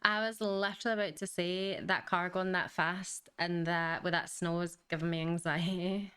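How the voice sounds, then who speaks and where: A woman with a softened Glaswegian Scottish accent, hosting in casual chat and speaking with deliberate clarity. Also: on the low side, fairly even intonation. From Glasgow, Scotland. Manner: deliberately slowed, clearer speech. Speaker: host of film reaction channel.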